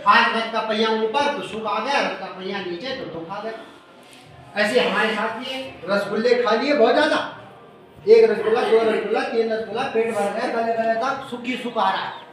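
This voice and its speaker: High-voiced village teacher quizzing pupils. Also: male voice, moderate pace, recorded from a distance, crowd noise. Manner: call-and-response questioning of pupils. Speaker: schoolteacher. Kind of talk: classroom poetry explanation. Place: village school classroom. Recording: echoey classroom, recorded from afar, children around. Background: pupils murmuring.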